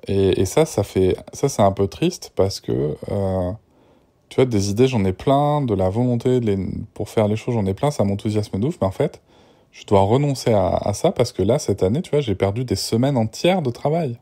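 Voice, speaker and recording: A man's voice: fairly low pitch, animated, moderate pace, dark tone. A young man, worn out, rambling through a casual voice memo with many restarts. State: exhausted. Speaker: father recording voice diary.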